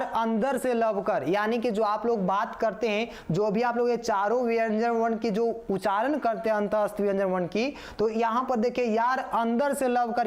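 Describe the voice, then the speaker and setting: A man teaching a live online grammar lesson. He repeats answers over and over, calls the viewers "yaar" and reads out their comment answers. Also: very high-pitched.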